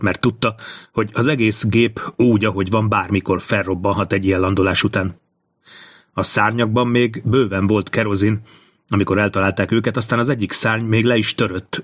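A man narrating a thriller audiobook in a slow, measured reading. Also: lowish voice, husky.

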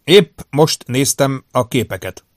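A man's voice: medium pitch, expressive, dry recording, clean studio sound, pitched above the performer's own voice, natural voice. A man doing a blunt medical examiner. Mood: wry. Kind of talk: audiobook character voice.

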